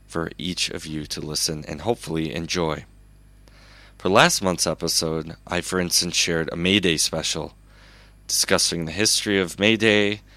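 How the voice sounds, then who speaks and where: Calm deep-voiced radio host, man. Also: no echo. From Chicago, USA. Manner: calm, unhurried, earnest. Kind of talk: reflective radio monologue. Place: recording alone at a microphone.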